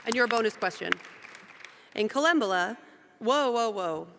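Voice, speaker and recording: A woman hosts a quiz contest with a bright, fairly high voice, reading questions aloud and cracking jokes between them. Her voice rings out in a large hall with a long reverb tail. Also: lively intonation, moderate pace, some chatter behind, a little hiss or hum. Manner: playful, self-joking between questions. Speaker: quiz moderator.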